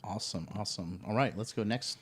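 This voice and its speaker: A man's voice: fairly low pitch, fast talker, husky. Upbeat man hosting a dating show. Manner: upbeat, hype-building. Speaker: host. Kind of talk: energetic podcast hosting.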